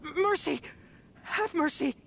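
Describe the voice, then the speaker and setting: A man voicing a cowardly bandit in a video game, shouting in panicked surrender and begging. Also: very high voice, unhurried, gravelly, noisy background, full character voice. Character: cowardly male bandit caving in under threat.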